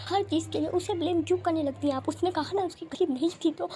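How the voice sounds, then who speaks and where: A woman's voice: extremely high pitch, fast talker, mellow, voice pushed up. A woman voicing a caring young sister who pleads protectively for her brother. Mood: pleading.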